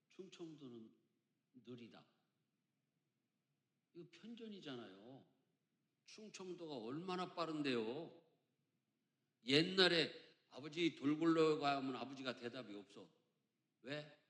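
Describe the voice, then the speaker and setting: A man in his fifties from Chungcheong, Korea, preaching a sermon as senior pastor, jumping between loud emphatic lines and quiet asides, with folksy jokes. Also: mid-range voice, expressive, measured pace, long pauses. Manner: emphatic preacher with big swings between loud and soft, joking. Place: church sanctuary. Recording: echoey church hall.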